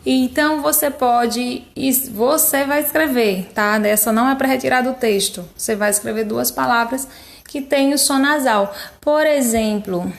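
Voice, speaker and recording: A woman teacher with a fairly high voice walks young children through their workbook at an unhurried pace. She draws out syllables slowly to model each sound and softens her words with affectionate diminutives. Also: gravelly. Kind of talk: slow, patient workbook explanation for young children.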